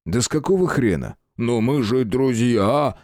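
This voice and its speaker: A man's voice: mid-range voice, lively intonation, a little slow, darkish tone, dry recording, clean studio sound, voice pushed up, lightly acted. A man voicing a big, cowardly brute who whines and pleads in an audiobook. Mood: whining, pleading. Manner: whiny and pleading.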